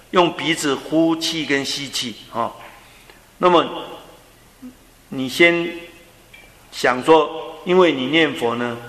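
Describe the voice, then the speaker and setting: Gentle Buddhist teacher, man, echoey hall. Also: medium pitch. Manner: slow, gentle, with frequent drawn-out particles. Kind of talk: dharma talk teaching breathing meditation. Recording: echoey hall with long reverb.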